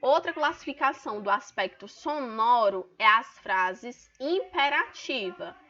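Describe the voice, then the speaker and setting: A woman's voice: a little high, lively intonation, a little slow, sharp tone. A Brazilian woman teacher with a Brazilian Portuguese accent, explaining a grammar lesson in an online class step by step and often checking in with her students. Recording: dull lo-fi online class audio.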